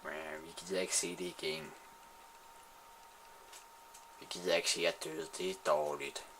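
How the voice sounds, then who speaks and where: A man giving excitable live commentary while playing a shooter game, swearing and trash-talking his opponents. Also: low voice, gravelly, noisy background.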